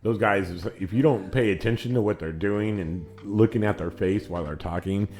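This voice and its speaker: Man from Kansas, casual podcast co-host. Slightly low voice, hesitant and filler-heavy, music playing underneath. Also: a little mellow. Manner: halting, searches for words, lots of fillers. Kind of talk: casual chat.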